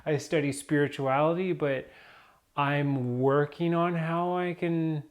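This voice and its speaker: A man's voice: a little high, steady tone, takes it slowly. A man talking unscripted to camera in a vlog, rambling and hesitant, with many fillers and restarts, and a cough from dust. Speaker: vlogger.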